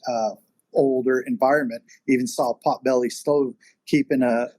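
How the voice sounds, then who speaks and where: A man's voice: medium pitch, fairly even intonation, normal speed, dark tone, no room sound. A man steering a casual interview as its host. He talks in a loose, rambling way, full of "uh" and "you know." His voice sounds dry and close, with little room around it. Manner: rambling with many fillers. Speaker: podcast host and magazine editor.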